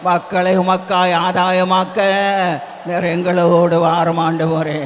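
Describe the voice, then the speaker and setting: A man with a Tamil accent preaches in a high voice at an unhurried pace, repeating his pleas until they swell into shouted prayer. His voice rings through a church prayer hall with a long reverb tail and a faint hum of ambient noise behind it. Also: completely flat delivery. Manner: repetitive, pleading, builds to shouted prayer. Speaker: pastor. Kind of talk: sermon and loud congregational prayer.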